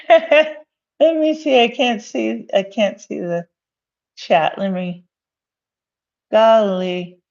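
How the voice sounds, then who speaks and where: Speaking very slowly and pausing often, a woman in her fifties with a fairly high, darkish voice hosts a casual live cooking stream in her home kitchen. She rambles with many fillers and small laughs, recorded in dull lo-fi audio on a phone on the counter.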